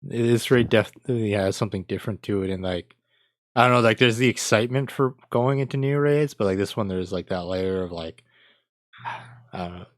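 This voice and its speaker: A man's voice: fairly low pitch, brisk, dry recording, clean studio sound. A man hosting a casual gaming podcast, easygoing as he chats and wraps up the show. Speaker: podcast host. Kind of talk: casual chat.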